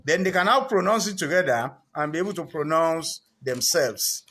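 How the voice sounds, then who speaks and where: A man running a reading programme, explaining literacy to parents in an earnest way, breaking words into parts and repeating them deliberately. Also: on the high side, lively intonation, a bit bright, husky. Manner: earnest, with frequent restarts.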